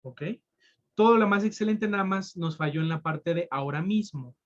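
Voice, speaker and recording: A man teaching a sign language class over a video call, slow and patient, often checking in with his students. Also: high-pitched, dull audio. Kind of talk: online class explanation.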